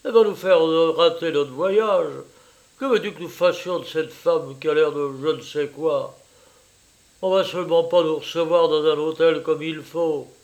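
Male reader voicing a peevish, stammering young man, loud and high. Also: steady tone, moderate pace, close to an everyday voice. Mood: grumbling. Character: agitated, grumbling young male traveling companion.

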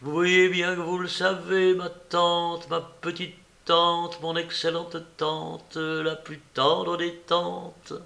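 A man's voice: a little high, lively intonation, slow, gravelly, sharp tone, exaggerated voice. A man reading a novel aloud, voicing a cheeky, idle young nephew who coaxes his aunt. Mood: wheedling. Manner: coaxing, playful, hesitant. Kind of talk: audiobook character reading.

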